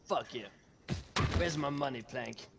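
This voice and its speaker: A man with a fairly high, lively voice adds casual co-commentary to a game. He is joking, incredulous and quick to swear. The recording has clear noise behind him. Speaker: co-commentator watching a friend play. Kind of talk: casual gaming chat.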